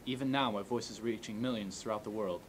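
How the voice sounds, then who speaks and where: Man reciting a speech, faint rumbling noise. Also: fast, rough recording. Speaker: amateur performer.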